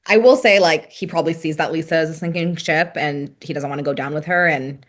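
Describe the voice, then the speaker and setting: A woman co-hosting a podcast, chatting casually and emphatically about a reality show and often chiming in to agree. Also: low-pitched. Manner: emphatic, quick agreement fillers. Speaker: podcast co-host. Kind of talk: casual chat reviewing reality TV.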